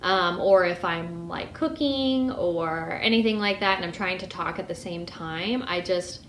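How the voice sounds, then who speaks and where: A woman's voice: fairly low pitch, a little slow, fairly bright tone, reverberant, soft background music. A young woman giving a casual vlog update, chatty with lots of ums and likes. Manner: chatty, frequent ums and likes, light laughs. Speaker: vlogger.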